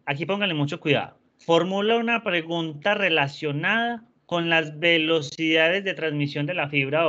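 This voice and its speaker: A man teaching an online class, patient and encouraging, often softening words with diminutives. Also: fairly high pitch. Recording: dull lo-fi sound.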